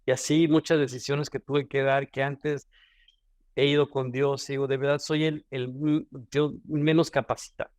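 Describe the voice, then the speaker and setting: Mexican male devotional speaker, mid-pitched, earnest, dry close sound. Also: little pitch movement, moderate pace, a little mellow, no room sound. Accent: Mexican Spanish. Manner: earnest, repeats and restarts phrases. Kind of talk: devotional teaching.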